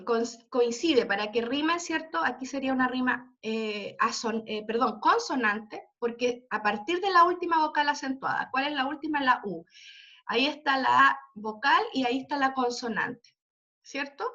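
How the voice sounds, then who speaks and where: A woman's voice: sits high, sharp tone. A woman teaching an online literature class, explaining step by step and checking in with her students. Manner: explanatory, checks in often with "¿ya?" and "¿cierto?". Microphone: computer mic on a video call. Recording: dull lo-fi video call audio.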